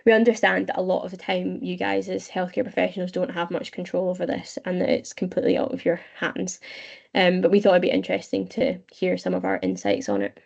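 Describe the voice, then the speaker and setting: A Scottish woman in her twenties presenting an online webinar, explaining steadily with frequent pauses. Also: lowish voice, gravelly, darkish tone, lo-fi sound. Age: 20s. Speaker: webinar presenter, young leader. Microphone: video call.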